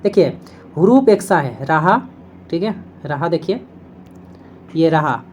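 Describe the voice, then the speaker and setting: A woman teaching an exam-prep video lesson, explaining each point step by step, checking in with listeners often and reciting couplets slowly. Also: deep voice, animated, darkish tone, a little hiss or hum.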